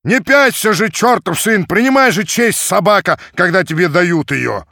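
A man voicing a rowdy crowd of shouting male Cossacks in an audiobook reading. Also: high voice, sing-song, a little fast, dry recording, studio quality, voice pushed up, exaggerated voice. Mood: rough.

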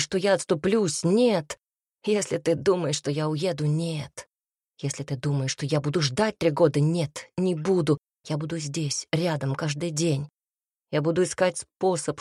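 Woman doing a hot-tempered young guy from a novel, low husky voice, bitter and forceful. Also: moderate pace, dry recording, clean studio sound. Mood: fierce defiance. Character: young man, hot-tempered, defiant, devoted lover.

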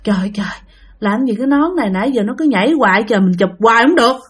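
A man's voice: very high voice, expressive, quick pace, fairly bright tone, breathy edge, heavily acted. A woman voicing an older male farmer with a Southern Vietnamese accent, exclaiming in bewilderment. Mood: bewildered.

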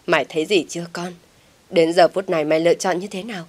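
A woman's voice: lowish voice, steady tone, a little mellow, natural voice. A woman playing a scolding stern father. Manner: scolding, quick.

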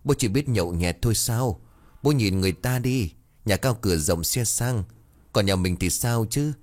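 A man voicing a headstrong, bitter teenage girl who shouts back defiantly in a storybook reading. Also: on the low side, sing-song, moderate pace.

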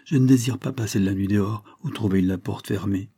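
A man's voice: on the low side, a little fast, mellow, breathy edge. A man voicing a reserved, troubled young woman in an audiobook. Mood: polite.

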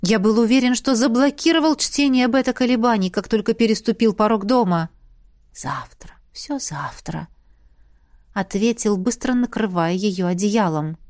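A woman narrating a novel in the first person, with a measured reading and a hush for whispered lines. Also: mid-range voice, dry recording, studio quality. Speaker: audiobook narrator.

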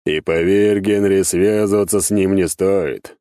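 A man's voice: low-pitched, normal speed, darkish tone, no echo, clean studio sound, natural voice. A man reading an audiobook, voicing a big scarred male demon crime boss who gives orders in a mocking, commanding way. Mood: warning. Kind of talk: audiobook character voice.

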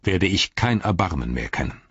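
A man's voice: low-pitched, very animated, normal speed, a bit bright, husky, no room sound, lo-fi sound, exaggerated voice. A man voicing a stern, commanding old human king in an audiobook reading.

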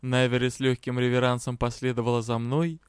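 A man reading a fantasy novel aloud in a lively, expressive narration. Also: medium pitch, brisk, smooth, dry recording, studio quality. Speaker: audiobook reader. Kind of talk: scripted narration.

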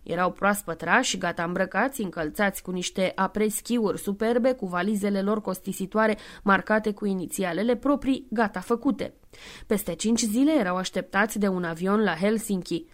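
Measured woman reading a novel aloud. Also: medium pitch. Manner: measured, clear reading with spoken footnotes. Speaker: audiobook reader. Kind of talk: scripted narration.

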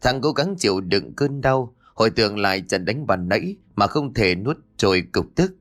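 A male storyteller with a lowish voice reads a comic ghost tale. His pitch rises and falls widely as he drives the story along, and he switches into different voices for the characters. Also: moderate pace. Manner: animated, puts on voices for each character.

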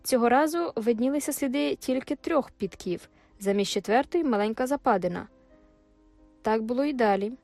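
A woman's voice: a little high, animated, darkish tone, dry recording, faint music behind. Woman narrating a classic novel. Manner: measured storytelling. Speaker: audiobook narrator. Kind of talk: scripted narration.

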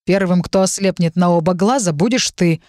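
A woman voicing a proud, grumpy male dragon who speaks from inside the heroine's head, suspicious and quick to growl. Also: fairly low pitch, a little mellow, dry recording, clean studio sound, natural voice. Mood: indignant.

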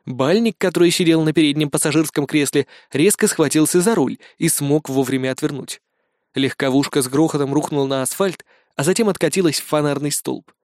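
A male narrator telling a first-person action story with brisk, wry delivery. His voice sits a bit higher than usual for a man, and the studio sound is dry and close with no room at all. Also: darkish tone, no room sound. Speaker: audiobook narrator.

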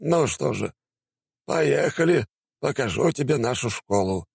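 A spry, jovial old schoolteacher who drawls and exclaims with relish, as a narrator puts him on. The voice is gravelly and husky, pitched higher than the reader's own. It is recorded dry and close, like a storybook. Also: male voice, expressive, unhurried, a little mellow, dry recording, full character voice. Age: older. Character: spry old male teacher, jovial and warm.

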